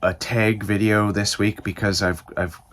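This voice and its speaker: A man with a cold, his voice rough and stuffed up, chatting casually to camera about reading and rambling as he thinks aloud with many restarts. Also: lowish voice, little pitch movement, a little slow, a bit bright. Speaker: book video host.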